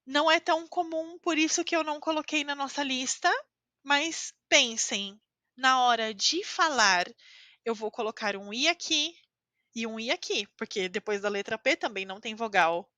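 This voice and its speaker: A woman's voice: high-pitched, normal speed, bright, forceful tone, dry recording. A woman with a Brazilian Portuguese accent giving an online language lesson as a teacher. She speaks carefully and repeats example words for her learners. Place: living in Costa Rica.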